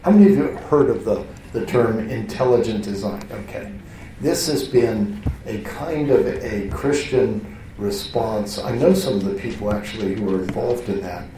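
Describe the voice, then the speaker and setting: A man's voice: fairly low pitch, moderate pace, dark tone, a little hiss or hum. A man teaching a class in a conversational, self-interrupting way, often restarting his sentences. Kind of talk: lecture to a class. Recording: roomy hall, voice from far off.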